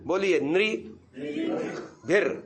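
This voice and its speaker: A man teaching Sanskrit mantra pronunciation at a yoga camp, chanting lines slowly and breaking off for quick corrections. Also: high voice, big pitch swings, over a noisy crowd. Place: yoga camp session with a group.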